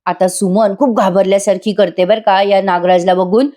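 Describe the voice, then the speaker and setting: A woman's voice: mid-range voice, fairly even intonation, moderate pace, dark tone. A woman giving a chatty voice-over recap of a TV serial episode, talking directly to her viewers. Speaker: serial reviewer.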